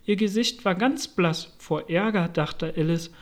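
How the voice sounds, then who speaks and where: Calm audiobook storyteller. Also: medium pitch, measured pace. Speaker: narrator. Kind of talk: audiobook narration.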